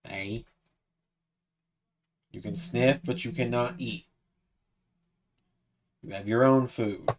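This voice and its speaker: A man's voice: medium pitch, steady tone, slow pace, pauses often, slight background noise. A man in his twenties chatting casually on a livestream, talking to his cat in a coaxing sing-song voice. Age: 20s. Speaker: streamer.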